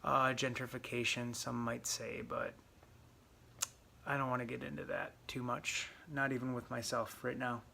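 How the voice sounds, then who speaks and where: Hesitant guy in his late 20s rambling to a camera in a garage, gravelly, pretty monotone, faint hiss behind. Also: normal speed. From Southeast Michigan. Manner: hesitant, many ums, flat and low-key. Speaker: vlogger. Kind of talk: rambling solo monologue to camera. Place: parents' garage, dim.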